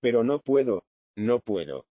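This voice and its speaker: A man's voice: medium pitch, big pitch swings, unhurried, no echo. A man voicing a poor, humble orphan girl in an audiobook, pleading and distraught in manner. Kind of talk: audiobook reading. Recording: thin phone-like lo-fi sound.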